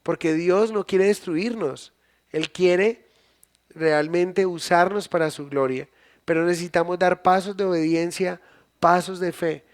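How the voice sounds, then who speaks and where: A pastor preaching a live sermon in church, asking the congregation questions and repeating phrases for emphasis. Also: male voice, high-pitched, fairly even intonation, a little slow. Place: church service, recorded live.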